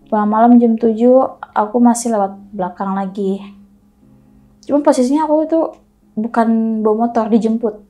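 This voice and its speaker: A woman telling a personal story in casual chat, animated and acting out the voices of the people in it. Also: on the high side, normal speed, pauses often. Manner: animated, acts out dialogue in quotes.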